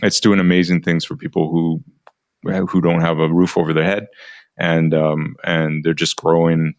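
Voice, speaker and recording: A man's voice: sits low, flat delivery, normal speed, no echo, lo-fi sound. A man being interviewed as a DJ guest, talking in a friendly way and often repeating words as he starts a sentence. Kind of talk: casual live interview. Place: Hong Kong.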